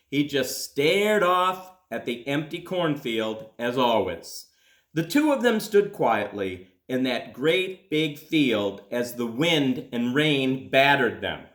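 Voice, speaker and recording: A school principal reads a children's story aloud with lots of expression, using dramatic pauses and stretched-out words. His voice is mid-range and a bit bright, and the recording has a roomy echo.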